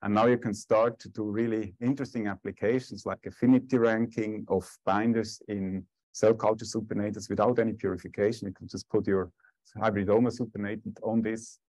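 Guy doing a science talk, lowish voice, dry sound. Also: little pitch movement, a little fast, a little mellow, no room sound, poor audio. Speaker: scientist presenting at a conference. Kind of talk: technical talk and question-and-answer. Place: conference lecture room.

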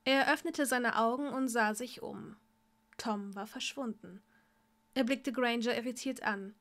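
A woman reading fan fiction aloud in a steady storytelling voice. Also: a little high, measured pace. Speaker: story reader.

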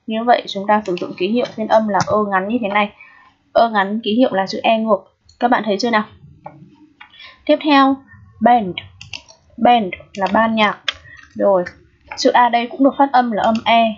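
A woman with a Vietnamese accent walks through an English exam like a patient teacher, stopping often to check that her students follow. Her voice sits a little high with a breathy, husky edge. The recording sounds dull and lo-fi. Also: fairly even intonation, brisk, long pauses. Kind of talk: explaining an exam, step by step. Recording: dull lo-fi audio.

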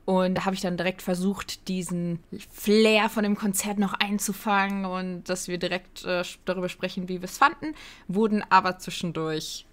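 Low-voiced young woman narrating a vlog. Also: moderate pace. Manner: relaxed, chatty recap. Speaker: vlogger narrating. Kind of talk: casual voice-over narration.

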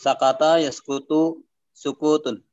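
A male student in an online class, reciting Arabic word forms in a measured list and then giving their meaning. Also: fairly high pitch, steady tone, a little mellow, no echo. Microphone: video call. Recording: dry, dull video call audio.

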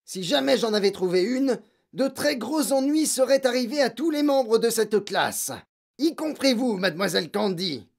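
A narrator voicing a huge, brutal, bullying headmistress in an audiobook, barking and shouting insults. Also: medium pitch, animated, normal speed, creaky, pitched above the performer's own voice. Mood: furious. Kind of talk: audiobook character voice.

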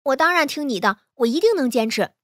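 A woman voicing a proud, eager teenage boy swordsman who strains and pleads in a high voice. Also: expressive, quick pace, fairly bright tone, dry recording, studio quality. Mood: determined.

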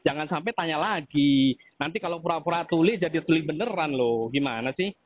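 A man's voice: fairly high pitch, a little fast, breathy edge. A man arguing on a phone call with a debt collector, mocking and lecturing her. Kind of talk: recorded phone argument. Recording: tinny phone line.

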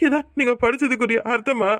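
A woman's voice: a little high, steady tone, fast talker, dry recording, natural voice. A woman doing a frantic, pushy young husband. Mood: indignant. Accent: southern Tamil Nadu. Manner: shouting, insistent.

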